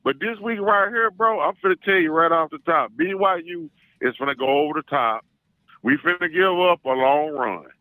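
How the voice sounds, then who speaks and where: A man with a bright, forceful voice, pitched a bit high, speaks in an Arkansas Southern drawl. He is a boastful call-in sports fan who hammers his points by repeating them. The sound is dry and close. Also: sing-song, normal speed, gravelly, no echo, poor audio. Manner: boastful, emphatic, repeats phrases. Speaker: call-in guest, self-styled football scout. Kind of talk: animated sports fan talk.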